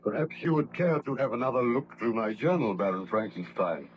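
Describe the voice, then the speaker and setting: An actor playing a courteous, steady ship's captain, formal and measured, in 1930s radio style. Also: male voice, medium pitch, highs cut off, close to an everyday voice. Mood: genial, formal. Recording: noisy vintage radio drama recording.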